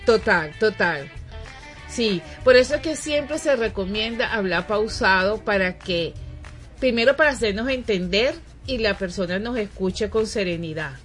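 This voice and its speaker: A woman's voice: medium pitch, animated, a little slow, fairly bright tone, soft background music. A woman with a Venezuelan accent hosting a radio talk show, speaking thoughtfully, correcting herself and turning to address listeners directly. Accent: Venezuelan Spanish. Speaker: radio host. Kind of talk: casual studio chat. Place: radio studio.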